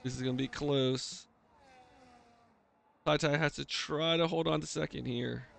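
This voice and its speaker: A man's voice: on the high side, steady tone, a little slow, gravelly, fairly bright tone, a little hiss or hum. A man giving live, casual motorsport commentary as a race commentator for an online league.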